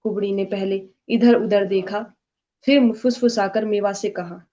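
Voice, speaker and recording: A woman reads a literary story aloud at a slow, measured pace. Her voice is mellow and darkish. The recording sounds dull and lo-fi. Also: mid-range voice, steady tone. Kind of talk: scripted narration.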